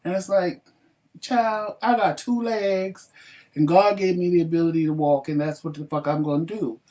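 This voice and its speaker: A man co-hosting a casual talk show, telling stories with animated, profane acted-out quotes. He sits a little back from the microphone, so his voice sounds slightly distant. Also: sits high, normal speed. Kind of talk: casual chat.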